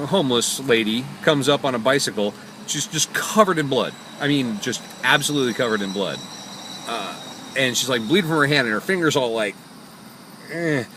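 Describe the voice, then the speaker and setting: Chatty, animated taxi driver in his cab. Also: mid-range voice, slight background noise. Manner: chatty, jokey, rambling with fillers. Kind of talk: casual storytelling vlog. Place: parked taxi in a parking lot.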